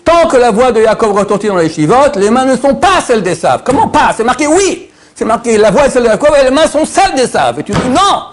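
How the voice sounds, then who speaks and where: A man, a rabbi giving a Torah lesson, with a high voice that swoops wildly from low murmurs to bright peaks. He talks animatedly and quizzes his students as he goes. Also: sing-song, fast talker, few pauses.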